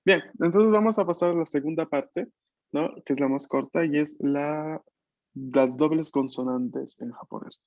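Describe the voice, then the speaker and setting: A man's voice: on the high side, measured pace, vocal fry, darkish tone, no room sound, muffled recording. A male language teacher running an online Japanese class in Spanish, explaining patiently and checking in with tag questions. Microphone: video call.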